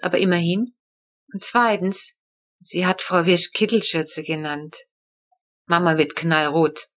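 A woman narrating a children's storybook chapter with a steady, clear reading. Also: on the low side. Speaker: audiobook narrator.

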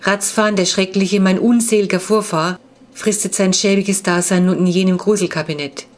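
A woman's voice: mid-range voice, steady tone, normal speed, natural voice. A woman voicing a stiff, courtly boy from an earlier time who speaks in formal, old-fashioned words. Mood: solemn.

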